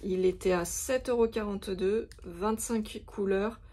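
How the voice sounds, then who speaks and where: A woman's voice: mid-range voice, steady tone, measured pace, dark tone. A woman vlogger chatting casually and hesitantly as she shows her craft supplies, with many fillers. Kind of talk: casual show-and-tell of craft stock.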